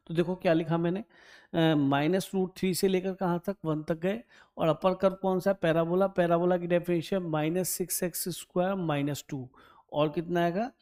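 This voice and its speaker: A male maths teacher works through an exam problem out loud, muttering and humming as he checks his sums. He talks to his students directly and often asks them to confirm each step. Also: high voice. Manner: thinks aloud while calculating, humming and checking numbers; chatty, addresses students directly and keeps asking "right?".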